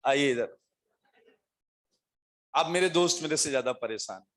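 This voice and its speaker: A middle-aged chemistry teacher tells his students a lively story, laughing as he acts out the voices of its characters. His voice is medium in pitch and a little slow.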